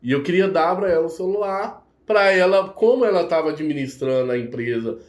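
A man, a podcast guest, telling a personal story in a halting, emotional way. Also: a little high. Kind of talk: casual storytelling. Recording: roomy echo.

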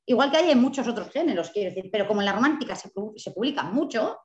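Fast-talking, lively Spanish woman novelist. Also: mid-range voice, reverberant, highs cut off. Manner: animated storyteller, acts out quoted dialogue, laughs often. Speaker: guest novelist. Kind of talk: casual interview chat.

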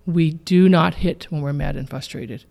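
A parenting coach with a gravelly, fry-tinged voice at a medium pitch. They talk emphatically, repeating key phrases and acting out a child's words to make a point. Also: normal speed, darkish tone. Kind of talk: coaching conversation.

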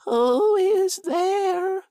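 A man's voice: animated, mellow, no echo, studio quality, heavily acted. A man doing a frail, quavering old grandmother. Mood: feeble. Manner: very high, slow and quavering.

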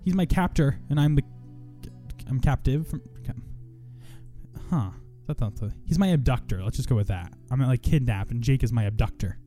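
A young podcast host chats casually in a mellow, mid-range voice at a moderate pace, with soft music in the background. He rambles, swears and pokes fun at himself throughout.

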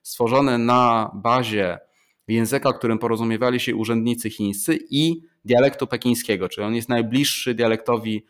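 A middle-aged male professor talks through a subject in a measured, explanatory way. He works through examples and often pauses on fillers or restarts a word. His pitch sits at an ordinary middle level for a man. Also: fairly even intonation. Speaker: professor of Chinese, interview guest. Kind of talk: explanatory interview talk.

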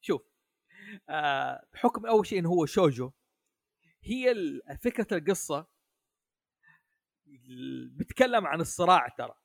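A man's voice: on the high side, very animated, moderate pace, creaky, long pauses, no echo, clean studio sound. A man, a guest in a casual chat about an anime, who talks with many restarts and keeps checking in with his listeners. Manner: hesitant, many restarts, asks "حلو؟" often. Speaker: podcast guest.

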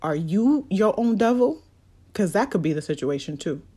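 A woman's voice: mid-range voice, big pitch swings, normal speed, warm tone, breathy edge. A woman speaking in a casual motivational monologue, candid and blunt, swearing freely as she preaches about faith and setbacks.

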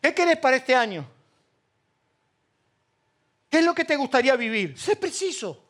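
A man with an Argentine accent preaching a sermon as pastor, swinging between loud passion and hushed quiet. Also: extremely high pitch, big pitch swings, moderate pace. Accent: Argentine Spanish.

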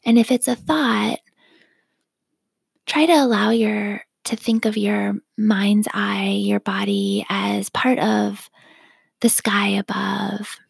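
A woman guides a meditation in a hushed, breathy half-whisper, with a gravelly fry at the ends of her phrases. She speaks slowly and calmly, gently leading the listener. The sound is dry and close, with no room around it. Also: mid-range voice, dry recording. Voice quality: soft whispery breathy delivery. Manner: slow, calm, gently instructive.

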